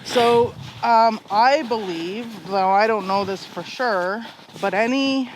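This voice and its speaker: A man's voice: sits high, slow, a little hiss or hum, low-quality recording. A man from Alberta with a Canadian accent, giving emphatic, opinionated answers in a conversational interview. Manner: emphatic, opinionated, uses rhetorical questions. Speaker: interview guest.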